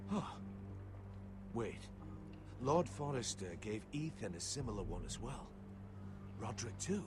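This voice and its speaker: An actor playing a solemn, loyal older male retainer and uncle in a video game, speaking in a measured, earnest way. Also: medium pitch, sing-song, over music. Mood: curious. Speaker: loyal family advisor.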